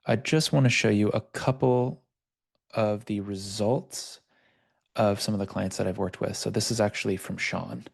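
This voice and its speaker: A man's voice: fairly low pitch, fairly even intonation, moderate pace, vocal fry. A man who works as a life coach, teaching an online workshop over a video call in a conversational, storytelling way.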